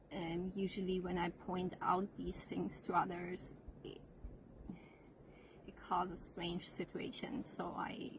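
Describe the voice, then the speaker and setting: A woman telling her life story to camera in a soft-spoken, reflective way that often trails into a near-whisper. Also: lowish voice, a little hiss or hum, poor audio. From Austria. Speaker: channel host.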